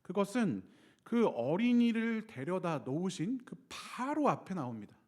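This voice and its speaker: A male pastor delivers a sermon in a slightly raised voice. His pitch rises and falls a great deal. He acts out the lines he quotes with lively emphasis. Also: a little slow.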